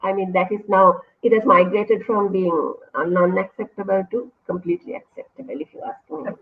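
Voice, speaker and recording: Her voice is mid-range and gravelly, a little fast, with big pitch swings. She's a Sri Lankan-accented university English lecturer in an online interview, discussing academic topics thoughtfully, explaining and correcting herself as she goes. It's captured through a video call with phone-like sound.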